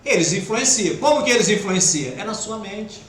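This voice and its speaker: A man with a Brazilian Portuguese accent giving an informal spiritist talk, acting out everyday speech in quick quoted asides. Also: high voice, expressive, a bit bright. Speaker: spiritist lecturer. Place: spiritist center hall. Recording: echoey room with faint noise.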